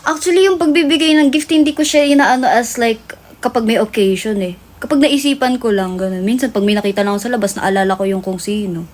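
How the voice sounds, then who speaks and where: A woman's voice: fairly high pitch, quick pace. A young woman hosting a livestream, telling a long story in casual chat that switches between Tagalog and English and is full of fillers. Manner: rambling Taglish storytelling with many fillers. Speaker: livestream host.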